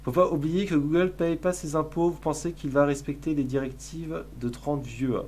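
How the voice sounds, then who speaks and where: A man's voice: a little high, steady tone, moderate pace, a little mellow, slight background noise. A man streaming live, chatting casually in a crude, sarcastic, rambling way while answering his chat.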